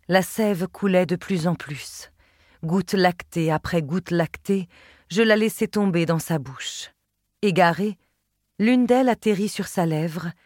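A woman reading a literary novel aloud in a measured, expressive first-person telling, close to the mic. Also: lowish voice, no echo. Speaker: audiobook narrator. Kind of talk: literary audiobook narration.

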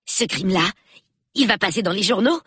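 A man's voice: high-pitched, lively intonation, bright, forceful tone, breathy edge, no room sound, studio quality, voice pushed up, heavily acted. A man voicing an eager, chatty boy of about nine in a storybook reading. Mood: excited. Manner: eager, rapid, gossipy.

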